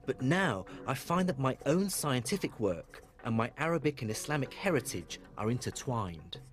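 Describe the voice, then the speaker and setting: A man's voice: mid-range voice, very animated, normal speed. Middle-aged man narrating a documentary. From Iraq. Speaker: documentary presenter. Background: music.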